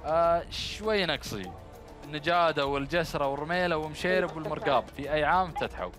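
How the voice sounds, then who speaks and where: A male game show host with a Gulf Arabic accent talks briskly in a slightly high voice. He banters and encourages, speaking into a headset mic over faint music. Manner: bantering, encouraging callers with blessings. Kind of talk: live TV quiz hosting with phone callers. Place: small studio set dressed as instrument shop. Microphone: headset microphone.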